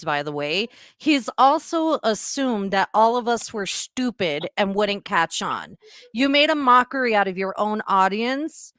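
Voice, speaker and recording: A woman's voice: mid-range voice, a bit bright, no room sound, studio quality. A woman with a Spanish accent on a podcast livestream, speaking in an upset, emphatic way and often repeating herself. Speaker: podcast co-host. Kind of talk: heated livestream discussion.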